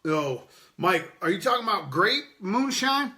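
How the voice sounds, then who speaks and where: A man's voice: sits high, big pitch swings, measured pace, pushed and bright, a little hiss or hum. A man hosting an unscripted podcast, rambling loosely and swearing as he chats with viewers and laughs often. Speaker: podcast host. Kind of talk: unscripted casual chat with live chat readers.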